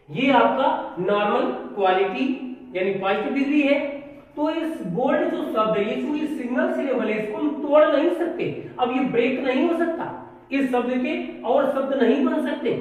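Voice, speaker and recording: A male English teacher, explaining grammar slowly and repeating himself, spelling words out letter by letter. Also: extremely high pitch. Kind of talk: classroom grammar lesson. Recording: echoey room from far off, dull sound.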